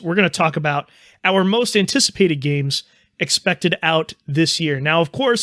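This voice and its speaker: Male podcast host, upbeat lead, slightly high voice, dry close-miked sound. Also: a bit bright, dry recording. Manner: upbeat, leads the segments. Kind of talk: casual podcast chat.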